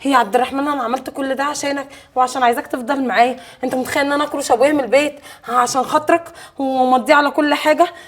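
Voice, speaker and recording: A woman's voice: high-pitched, fairly even intonation, rapid-fire, natural voice. A young woman with an Egyptian accent playing a cold, scheming daughter who throws her father out. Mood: anxious. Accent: Egyptian Arabic. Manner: harsh and dismissive. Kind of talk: web drama acting.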